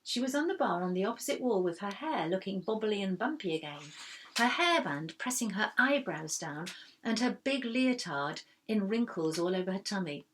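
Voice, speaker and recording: A woman's voice: medium pitch, expressive, normal speed, slight background noise. Woman reading a children's story aloud. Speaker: reader.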